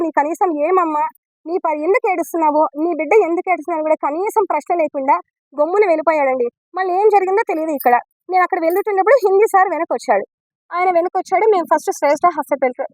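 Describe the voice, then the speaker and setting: Fast high-voiced upset woman. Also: no room sound. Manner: earnest and upset, polite "andi" endings, detailed step-by-step telling. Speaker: mother and school biology teacher. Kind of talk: statement to news reporters.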